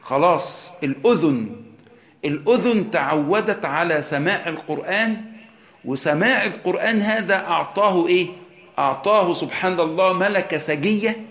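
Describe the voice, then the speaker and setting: A man's voice: sits high, normal speed, a bit bright, reverberant. A man with an Egyptian Arabic accent teaching a religious lesson, explaining patiently, asking rhetorical questions, and mixing formal and colloquial Arabic. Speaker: sheikh teaching Quran exegesis.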